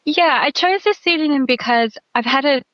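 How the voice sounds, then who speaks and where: A woman's voice: high voice, moderate pace, dry recording, dull audio. A Tasmanian woman in her fifties with an Australian accent, a guest author talking through her life in a thoughtful, self-deprecating way with many fillers. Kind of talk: casual interview chat.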